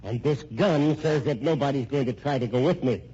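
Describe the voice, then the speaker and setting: Playing a scheming, smug, sardonic husband who manipulates everyone around him, the actor in this old-time radio drama gloats and controls through stammering, mock-genial courtesy. His natural male voice is medium-pitched, mellow and husky at normal speed, captured on a muffled, noisy old radio recording.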